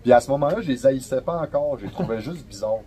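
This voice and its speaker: A man's voice: mid-range voice, fast, low-quality recording. Slangy young Québécois man telling stories. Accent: Québécois French. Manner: slangy, profane, animated storyteller. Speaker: podcast guest. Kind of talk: casual storytelling chat.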